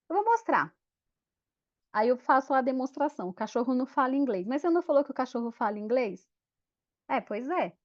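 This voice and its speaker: A woman giving a lively teacher training talk, acting out classroom scenes in voices. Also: on the high side. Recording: dull lo-fi sound.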